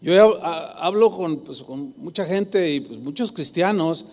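A man with a Mexican Spanish accent preaching a sermon as pastor, animated and acting out the voices of churchgoers. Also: a little high, a little slow. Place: large church hall. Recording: long hall reverb.

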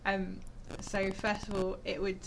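A woman's voice: mid-range voice, monotone, unhurried, vocal fry, a little hiss or hum. A woman, a scientist, explaining physics informally to listeners, chatty and enthusiastic, with lots of fillers and restarts. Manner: chatty and enthusiastic, full of fillers and self-corrections.

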